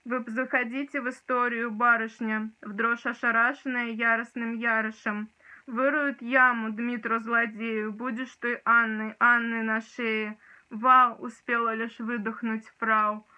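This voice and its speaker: Young woman declaiming poetry, bright and forceful. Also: on the high side, flat delivery, unhurried. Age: young adult. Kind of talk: dramatic poetry declamation from a book. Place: small room indoors. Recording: dull, lo-fi sound.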